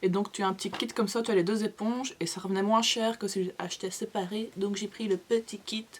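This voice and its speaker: A woman's voice: medium pitch, steady tone, fast. A young woman vlogger in a casual haul video, chatty and gushing, with playful asides to her viewers. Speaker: beauty vlogger.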